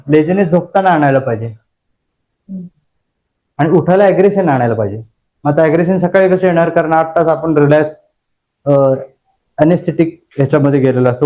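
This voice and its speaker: A man leading a motivational class session, his voice pitched high but mellow in tone. He talks emphatically and drives his points home with rhetorical questions to the room. He weaves in personal stories, acting out his own inner voice as he goes. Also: lively intonation, brisk, long pauses. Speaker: course trainer.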